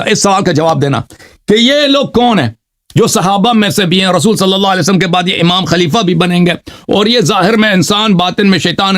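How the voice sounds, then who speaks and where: A man hosting a heated live religious debate, insistent and combative, who keeps pressing his opponent for answers and recites scripture slowly between quicker arguments. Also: high voice, fairly bright tone. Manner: cites scripture slowly, then speeds up to argue. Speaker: debater and channel host.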